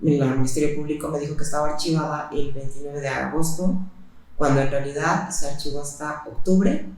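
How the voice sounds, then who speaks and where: A low-pitched woman describes her own experiences during an interview, her tone flat and even. Her speech is halting, broken by pauses and hesitation fillers, and the room echoes heavily.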